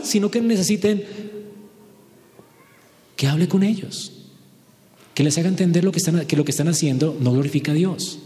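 A man's voice: a little high, darkish tone. A man preaching a sermon, asking rhetorical questions and acting out short quotes. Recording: long hall reverb.

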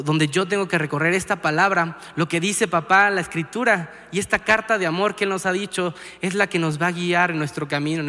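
Young man, sermon, earnest, crisp bright tone, echoing church hall. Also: fairly high pitch. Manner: earnest, keeps asking "¿sabes?" to the listener. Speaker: preacher. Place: church auditorium.

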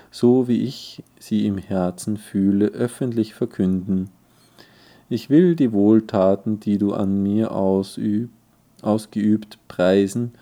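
A man's voice: on the low side, mellow. A man reading the part of a grateful court physician who solemnly recites verses of praise.

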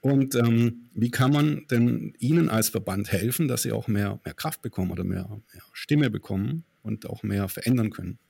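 A man's voice: on the low side, moderate pace, gravelly, hardly any pauses, mellow, slightly rough, no echo. A man hosting a podcast interview, asking long, searching questions.

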